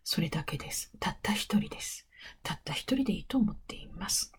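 A woman hosting a weekly advice podcast, talking softly and slowly and often slipping into a whisper. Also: on the low side, animated. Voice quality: very breathy, often drops to a whisper. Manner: soft, slow and coaxing, stretches key words. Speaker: English-pronunciation podcast host. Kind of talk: gentle advice monologue.

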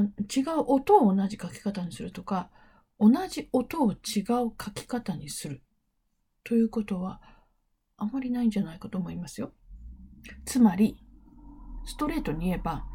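A middle-aged woman, an English interpreting teacher, giving an unhurried explanatory lecture and at times dropping into a whisper. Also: mid-range voice, warm tone, slightly rough.

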